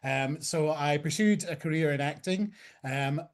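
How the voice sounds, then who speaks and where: A Scottish man in his forties, a talent agent guest, talking in a relaxed, chatty way with many ums. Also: on the high side, measured pace, clear, resonant tone. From Scotland. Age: 40s. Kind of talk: casual conversation.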